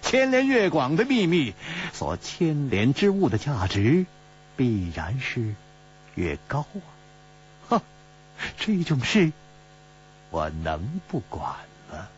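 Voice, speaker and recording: A man's voice: mid-range voice, wildly swooping pitch, takes it slowly, pauses often, pitched above the performer's own voice. A man playing an amused, easygoing adventurer. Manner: amused, musing. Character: easygoing, curious young male adventurer. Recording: slightly dull recording with faint hum.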